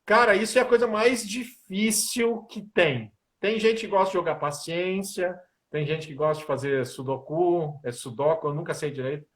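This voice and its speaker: A man's voice: sits high, normal speed. A man, a musician and composer, talking casually in an interview and telling stories. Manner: animated storyteller, sings snippets of lyrics.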